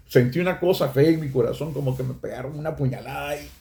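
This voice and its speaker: Earnest middle-aged Nicaraguan man, mellow voice. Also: medium pitch, fairly quick, creaky. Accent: Nicaraguan Spanish. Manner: earnest, emotional, addresses listeners as brothers. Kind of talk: personal faith testimony.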